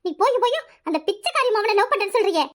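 A woman voicing a shrill scheming village mother. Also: animated. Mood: scolding. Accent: Kanyakumari Tamil. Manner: shrill, scolding, fast, rising to yells. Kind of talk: cartoon voice acting.

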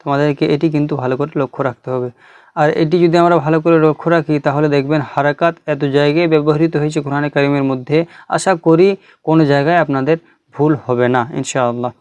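Man teaching Quran letters, clear dry voice. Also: a little high, steady tone, darkish tone, no echo. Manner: drills letter by letter slowly, then explains quickly. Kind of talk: recitation lesson, spelling out letters with vowel marks.

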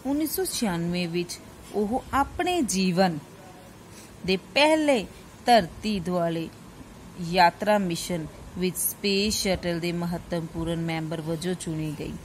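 A woman teacher reading a textbook chapter aloud to a class, steady and careful, now and then correcting a slipped word. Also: fairly low pitch, slow pace, a little hiss or hum, low-quality recording.

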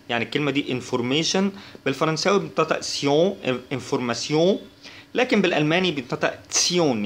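A man with an Egyptian Arabic accent who teaches a language lesson, spelling out sounds slowly and repeating them patiently. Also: on the high side, a bit bright.

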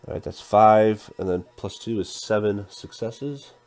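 A man's voice: lowish voice, a little slow, soft background music. A man casually talking through a tabletop game playthrough, counting dice aloud and reading the game text. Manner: counts dice out loud, thinks through moves.

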